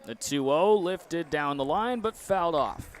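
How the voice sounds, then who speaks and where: Calling a game live, the young American play-by-play announcer sounds a little high and expressive, speaking somewhat slowly. Behind him is the outdoor ambience of a ballpark or arena.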